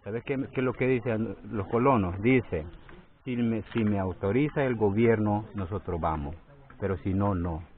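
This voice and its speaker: Halting low-voiced man, tinny phone sound. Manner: halting, repeats words, grows forceful when protesting. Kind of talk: outdoor field interview. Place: outdoors by a forest clearing. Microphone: phone held near the face.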